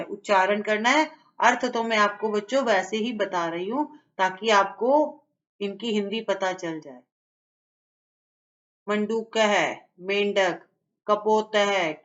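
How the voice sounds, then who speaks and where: A woman's voice: medium pitch, muffled recording. A woman teaching a children's lesson, patiently explaining each step.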